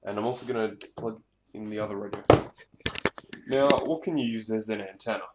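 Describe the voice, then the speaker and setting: A man with a fairly low voice moves briskly through a casual gear demonstration, rambling off the cuff and dropping the odd swear word as a hobbyist presenter. The recording has room echo, audible background noise, and clicks.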